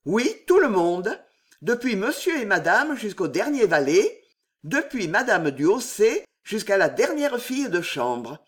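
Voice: medium pitch, sing-song, unhurried. A reader voicing a talkative male footman from a grand household, with a familiar, breezy manner. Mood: chatty. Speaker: servant.

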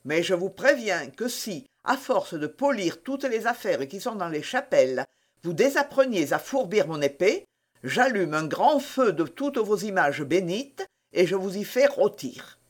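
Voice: mid-range voice, a little slow. A reader voicing a vain, witty former musketeer turned abbé of about forty, who teases his friend and scolds his servant. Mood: scolding. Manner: teasing, imperious, lively. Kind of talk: audiobook character reading.

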